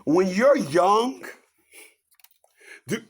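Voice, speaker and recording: A man in his fifties giving a preachy motivational monologue, asking rhetorical questions, repeating his catchphrases and swinging from loud, high bursts down to hushed asides. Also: very animated, drawn-out words, husky. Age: 50s.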